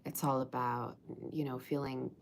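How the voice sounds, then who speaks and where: A woman from Russia reads tarot on a livestream in a bass voice, her delivery flat and her speed normal. She's chatty and teasing, reads viewers' comments aloud, and sings snatches of old songs.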